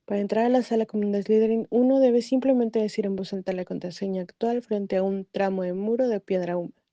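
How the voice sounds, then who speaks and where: A woman hosts a YouTube channel, reading an informative script in a medium-pitched, mellow voice with fairly even intonation and a slightly fast pace. She carefully sounds out foreign names, sometimes unsure how to pronounce them. The recording is dry and slightly dull.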